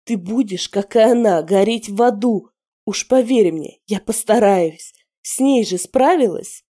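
A woman reader performs a spiteful female werewolf, voiced higher than the narration. Her delivery is sneering and taunting, with shrill edges, over a warm, mellow tone. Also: expressive, moderate pace. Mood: shrieking angry. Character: scheming middle-aged female werewolf, spiteful and mocking.

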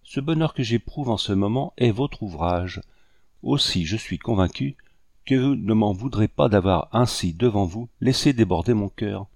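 A gentle, pleading young lady of colonial society, as a man reads her in a storybook. She speaks courteously and earnestly, her lines lifted above a low, dry reading voice. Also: expressive, moderate pace, vocal fry, no echo. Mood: emotional gratitude.

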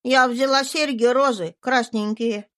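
A woman's voice: on the high side, steady tone, measured pace, fairly bright tone, pitched above the performer's own voice. A woman voicing a sly young servant girl who whines and pleads. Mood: whiny. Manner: whiny, pleading.

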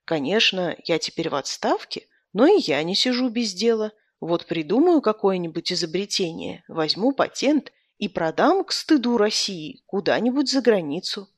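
A woman's voice: mid-range voice, big pitch swings, moderate pace, few pauses, husky, dry recording, studio quality. A woman voicing a retired army captain, a pompous and befuddled father. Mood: blustering. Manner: pompous and blustering.

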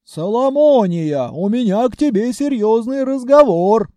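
A man reading an audiobook, voicing a pompous, boastful male suitor who blusters loudly. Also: very high voice, animated, unhurried, no room sound, clean studio sound, voice pushed up.

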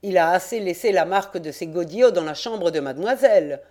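A woman's voice: lowish voice, big pitch swings, normal speed, a little mellow. A woman doing a grumpy old rustic caretaker. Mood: grumbling. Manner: gruff, indignant, folksy country speech. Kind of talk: audiobook character reading.

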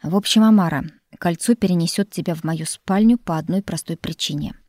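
A woman voicing a teasing, self-assured young male lord and teacher, speaking in an unhurried, mocking way. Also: on the low side, darkish tone, dry recording, lightly acted.

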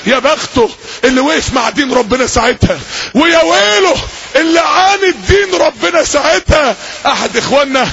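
A male preacher with an Egyptian accent, giving an impassioned sermon to a gathering, often shouting and repeating himself. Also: very high voice, expressive, fairly quick, creaky. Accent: Egyptian Arabic. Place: public gathering. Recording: dull lo-fi recording with faint hiss.

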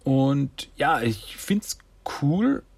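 A man's voice: medium pitch, big pitch swings, very slow, creaky, a little mellow, no room sound. A man recapping a cartoon episode in a rambling, chatty way. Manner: rambling, chatty, acts out voices. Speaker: host.

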